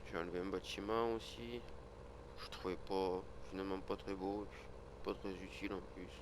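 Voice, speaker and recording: Sniffling from a cold, a man who makes gaming videos offers casual commentary on his farming game, rambling and frequently restarting or using fillers. He speaks fairly quickly in a low-pitched, level voice, with background noise present.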